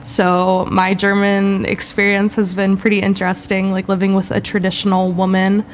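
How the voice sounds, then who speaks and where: A woman's voice: mid-range voice, normal speed, slight background noise. A woman, hosting a student radio talk show in a casual, chatty way in a studio. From Southern California. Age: 20s. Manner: relaxed, chatty, says "like" often.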